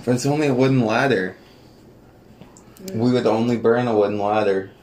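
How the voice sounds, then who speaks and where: A man's voice: medium pitch, normal speed, darkish tone. Male game player, conversational, mid-range voice, recorded with faint noise and clicks. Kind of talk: casual chat.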